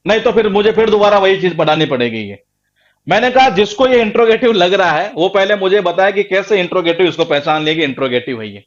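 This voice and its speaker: A man's voice: sits high, animated, fast, muffled recording. A man teaching a grammar class, emphatic and repetitive, quizzing his students again and again. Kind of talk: live online class lecture.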